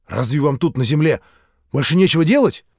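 A man voicing a timid, bewildered Martian man in an audiobook, speaking quietly and hesitantly. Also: fairly high pitch, lively intonation, fairly quick, breathy edge, no echo, clean studio sound.

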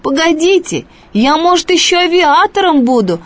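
A woman's voice: high-pitched, sing-song, unhurried, voice pushed up. A woman voicing a small boy in a storybook reading, eager and defensive, covering his fear with bravado. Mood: indignant. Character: small boy, anxious but putting on bravado.

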